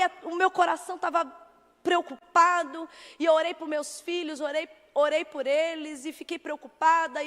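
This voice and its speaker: A Brazilian woman preacher with a very high voice gives a Pentecostal sermon and testimony in a large church. She narrates with acted dialogue and climbs to fervent shouting. The sound carries a long hall reverb. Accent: Brazilian Portuguese. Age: adult with a teenage son. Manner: storytelling, acts out dialogue, builds to fervent shouting. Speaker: missionary preacher.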